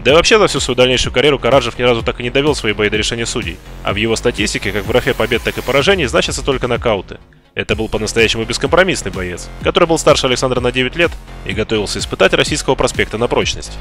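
A man narrates from a script for a video channel. His medium-pitched delivery races along without pausing, with music softly underneath. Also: lively intonation.

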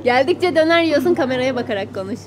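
Bubbly high-voiced young woman co-host. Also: lively intonation, fast. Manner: bubbly, playful, warm-hearted chatter. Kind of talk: casual on-location interview. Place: busy restaurant. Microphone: handheld microphone.

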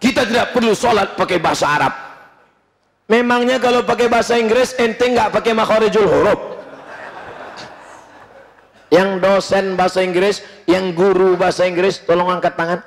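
A man preaching a humorous, lively sermon in a mosque, with bursts of shouting. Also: sits high, normal speed, gravelly, pauses often. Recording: long reverb in mosque hall.

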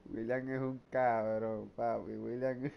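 A man's voice: mid-range voice, little pitch movement, slow, creaky, highs cut off. A young man with a Puerto Rican accent chatting casually, swearing all the time and often breaking into laughter. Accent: Puerto Rican Spanish. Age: young adult. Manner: crude, laughing, swearing constantly. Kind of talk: casual vlog chat.

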